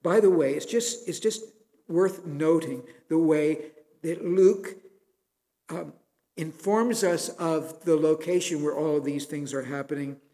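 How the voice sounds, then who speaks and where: A man's voice: fairly high pitch, a little slow, dark tone, long reverb tail. A man preaching a sermon as pastor, earnest and building to emphatic pleas.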